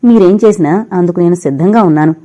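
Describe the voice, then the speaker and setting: A grieving young married woman pleads through tears with the man she still loves. A woman reads her aloud in an audio novel. Her voice is warm and mellow. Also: on the low side, fast, lightly acted. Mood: tearful pleading. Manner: tearful, imploring.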